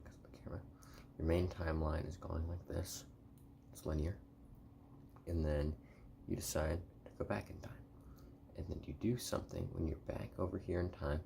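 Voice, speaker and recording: Hushed, very deep-voiced man rambling in ASMR. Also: slight background noise. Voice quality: hushed, soft, breathy voice slipping into whisper. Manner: rambling, halting, repeats and rephrases himself. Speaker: video reviewer. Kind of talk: soft-spoken ASMR ramble, partly whispered.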